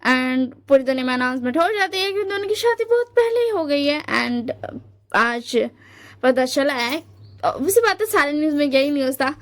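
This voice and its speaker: A high-voiced woman retells a fan story in a loose, chatty way. She leans on fillers and drops English words into her talk, speaking straight to her viewers. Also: lively intonation, moderate pace. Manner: chatty, mixes English into Hindi, filler-heavy.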